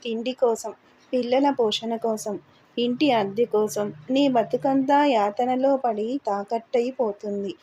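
A woman reading the lines of a stern, serious young worker-activist in a low, measured, lecturing way. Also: fairly even intonation, mellow, highs cut off, a little hiss or hum, lightly acted.

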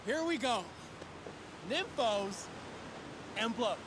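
Crude cocky young guy, high-pitched, comic movie delivery, very noisy outdoor sound. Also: lively intonation, very slow, full character voice. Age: young adult. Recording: loud outdoor ambience.

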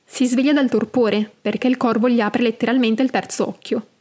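A woman hosting a podcast, narrating and explaining fantasy lore in a measured, explanatory way. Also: a little high, fairly even intonation, a little mellow. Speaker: podcast host.

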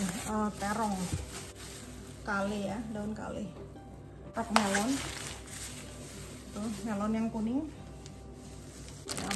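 A woman in her thirties chatting casually in her home kitchen as she unpacks groceries, often searching for words and mixing in English terms, recorded on a phone camera. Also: mid-range voice. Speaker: vlogger. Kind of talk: casual grocery unboxing vlog. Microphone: phone camera at arm's length. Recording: loud music under the voice. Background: loud background music and crinkling bags.

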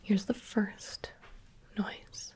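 A woman whispering softly and patiently as an examiner in an ASMR roleplay, close to the microphone. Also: extremely slow. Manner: soft unvoiced whispering, patient and coaxing. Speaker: roleplay examiner giving eye and hearing tests. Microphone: close mic, leaning near the ear.

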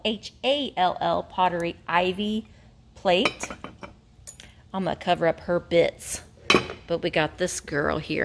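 Holding a phone camera close in an antique shop, a woman in her forties who resells vintage items and vlogs walks through her haul in a relaxed way. Her voice is medium in pitch, and she rambles, using fillers and correcting herself. There's a faint hiss or hum in the audio.

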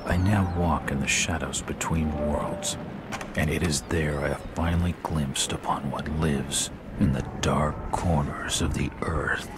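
An actor playing a despairing private detective in a game, narrating a brooding noir monologue in a breathy half-whisper. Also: male voice, rumbling low, noisy background. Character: despairing, haunted male private detective narrating his downfall. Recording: loud rain and thunder behind.

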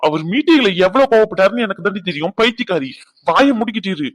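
A man's voice: sits high, animated, fast talker. A man voicing a bossy, hot-tempered cartoon husband. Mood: scolding. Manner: scolding, loud, insulting. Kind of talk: cartoon drama dubbing.

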